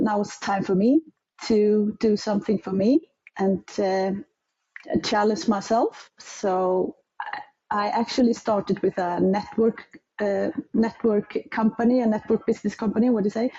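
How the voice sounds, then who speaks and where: A middle-aged woman from Iceland with an Icelandic accent, telling her story as an interview guest and pausing to search for English words. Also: mid-range voice, dark tone, slightly rough, dull audio.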